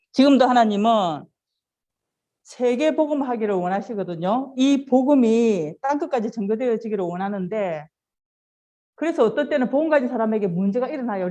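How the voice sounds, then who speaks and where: A woman giving an animated children's sermon, telling stories, asking the children questions and acting out quoted lines. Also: a little high. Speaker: children's ministry preacher.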